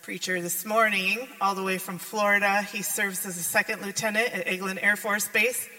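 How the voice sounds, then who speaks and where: An upbeat, excited woman making a welcome announcement and introducing a preacher to a church congregation. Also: medium pitch, moderate pace. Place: church sanctuary. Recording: reverberant hall with music behind.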